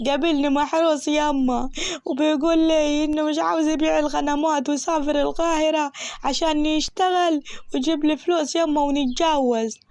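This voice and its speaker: A woman's voice: high-pitched, steady tone, brisk, darkish tone, dry recording. A woman with an Egyptian accent voicing a naive, lovestruck village girl who pleads and whines. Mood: dutiful. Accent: Egyptian Arabic.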